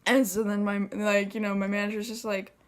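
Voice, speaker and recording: A woman's voice: medium pitch, flat delivery, fairly quick. A young woman tells a story casually, in a chatty, profane way full of fillers. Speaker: vlogger.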